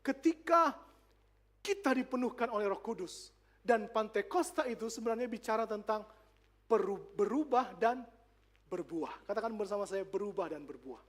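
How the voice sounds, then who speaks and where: High-voiced pastor preaching with lively asides. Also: male voice, moderate pace. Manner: lively, conversational, with asides to the congregation. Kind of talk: sermon. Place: church.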